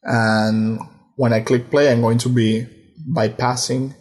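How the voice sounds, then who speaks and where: Student voice-over: man, slow careful explainer, monotone delivery. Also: medium pitch. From Brazil, raised in Argentina. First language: Portuguese and Spanish. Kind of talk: recorded lesson voice-over.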